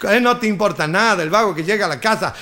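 A man from northern Argentina with a northern Argentine accent, telling drunk jokes as a stand-up comedian in a chatty, animated way. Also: sits high, fast. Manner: animated storyteller, chatty asides.

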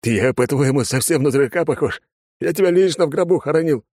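A man's voice: a little high, fairly quick, a little mellow, dry recording, clean studio sound, pitched above the performer's own voice, lightly acted. A man doing a shrieking drunken old man. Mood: crazed triumph. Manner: shrieking, wailing, slurred drunken ranting. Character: hysterical drunken old man, terrified and superstitious.

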